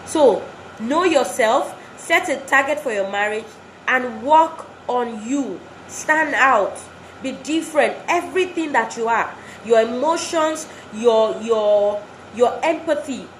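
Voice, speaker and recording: Woman giving a pep talk to wives, high voice, earnest, roomy echo w faint hiss. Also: expressive, slow. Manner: earnest, exhorting, repeats phrases for emphasis. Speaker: speaker addressing wives. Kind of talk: motivational talk.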